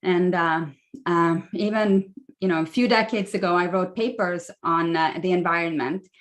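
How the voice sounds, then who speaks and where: A Swedish woman in her forties, speaking with a Swedish accent, guests on a video call and chats her way through a slide talk, friendly and full of fillers. Her voice is fairly low and steady, at normal speed.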